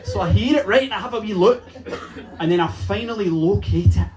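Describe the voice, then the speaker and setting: A young man with a Glaswegian Scottish accent doing a stand-up comedy set in a club, telling punchy stories with swearing and acting out shouted lines. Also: high-pitched, animated, brisk, noisy background. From Glasgow, Scotland. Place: comedy club with a live audience. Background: audience laughter.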